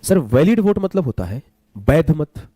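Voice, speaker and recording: A man teaching a live online maths class while unwell. He talks slowly, repeating key terms and asking and answering his own questions. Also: a little high, sing-song, mellow, husky, no room sound.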